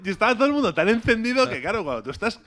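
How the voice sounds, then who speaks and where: Man, bright tone, casual chat, self-mocking storyteller. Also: high-pitched, sing-song, rapid-fire. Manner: self-mocking anecdote teller.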